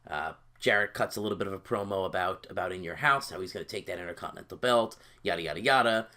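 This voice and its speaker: Man, lower voice, casual game commentary, halting, repeats words, sleepy. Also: sharp tone. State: sleepy, yawning early in the day. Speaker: host playing a wrestling booking game.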